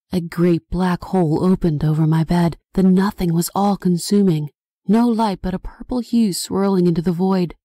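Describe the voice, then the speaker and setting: Mellow woman reading a horror audiobook. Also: lowish voice, no echo, clean studio sound. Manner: dramatic expressive reading. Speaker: author reading her own novel. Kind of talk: scripted audiobook narration.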